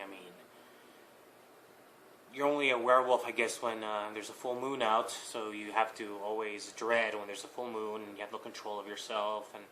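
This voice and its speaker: A young man answering viewer questions in a casual vlog, hesitant, with many fillers, pauses and small laughs. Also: on the low side, fairly bright tone, slight background noise.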